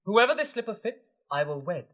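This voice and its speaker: A man's voice: high voice, very animated, fairly quick, dull audio. A man playing a stately young prince in a pantomime radio play, speaking in a formal, lordly way. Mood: regal.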